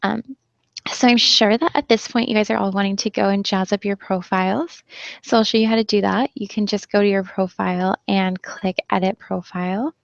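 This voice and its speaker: This is a young woman's gravelly, mid-range voice, steady in tone and normal in pace, with no room sound. Friendly and prone to frequent "um" fillers, she is leading an online screen-share training over a web call, picked up by a computer mic on a video call in dull, lo-fi audio.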